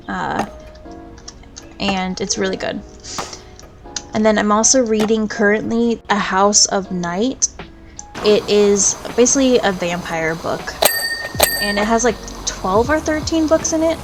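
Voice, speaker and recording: A woman's voice: medium pitch, poor audio. Chatty woman rambling over gameplay. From United States. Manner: rambling and chatty, drifts between topics. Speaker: VTuber gaming streamer. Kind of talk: casual chat over gameplay. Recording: game music clearly underneath. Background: video game music.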